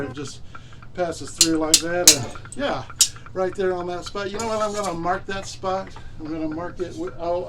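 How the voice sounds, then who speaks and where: A man's voice: fairly high pitch, rough recording. A man presenting magic tricks as patter to an audience, with the playful, mock-bumbling earnestness of a kids' party magician.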